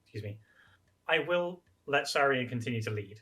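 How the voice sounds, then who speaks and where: A man's voice: medium pitch, lively intonation, normal speed, sharp tone. A man playing in a tabletop game, talking hesitantly with frequent restarts. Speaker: player.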